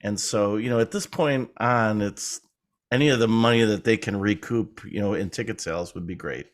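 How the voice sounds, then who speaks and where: A man's voice: fairly low pitch, normal speed. A man talking as a guest in a podcast interview, rambling and conversational with a self-deprecating streak. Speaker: guest, film producer.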